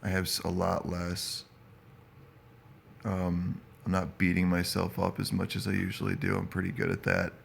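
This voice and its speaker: A man chatting casually to live viewers in a stoned, hazy, halting, rambling manner. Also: low-pitched, completely flat delivery, gravelly, a little hiss or hum. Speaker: live-streaming vlogger.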